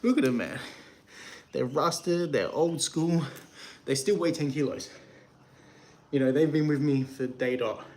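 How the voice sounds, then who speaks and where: A man's voice: on the high side, lively intonation, darkish tone. A man in his twenties livestreaming from a hot shed while lifting dumbbells, out of breath and giving a casual motivational pep talk. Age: 20s. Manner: pep-talk delivery, swears casually, pauses to count reps. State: out of breath from working out. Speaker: livestreaming creator.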